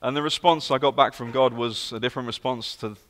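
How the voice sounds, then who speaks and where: A London-accented Englishman in his thirties gives a guest sermon in a large church, earnest and storytelling with lively emphasis. His mid-range voice moves fairly quickly, picked up by handheld and stage mics with long hall reverb and slight background noise.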